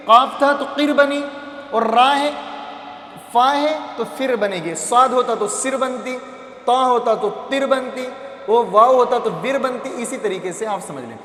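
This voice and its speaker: In an echoey hall with faint ambience and a little hiss or hum, a Quran reading teacher slowly works through Arabic letter phonics. His very high-pitched, fairly bright voice stays unhurried as he patiently repeats syllables and poses questions he answers himself.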